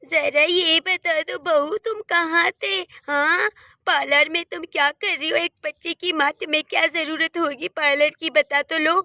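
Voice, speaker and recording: A woman voicing a fussy, easily exasperated old mother-in-law in a cartoon, talking slowly and scolding with repeated words. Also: very high voice, steady tone, bright, forceful tone, no echo, clean studio sound, exaggerated voice. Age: older. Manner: slow, scolding, repeats herself. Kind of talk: Hindi cartoon voice acting.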